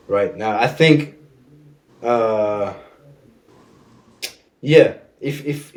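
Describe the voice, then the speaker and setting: A young man from Rwanda, native in a Rwandan language and also a French speaker, talks easily as a podcast guest. His mid-range voice is a little mellow, and "you know what I'm saying" comes up often in this casual conversation.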